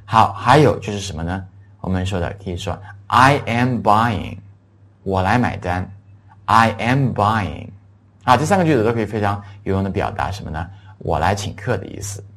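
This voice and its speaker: A middle-aged man giving an English lesson, spelling words out letter by letter and repeating phrases slowly for students to follow. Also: lowish voice. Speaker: English teacher. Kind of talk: classroom language lesson.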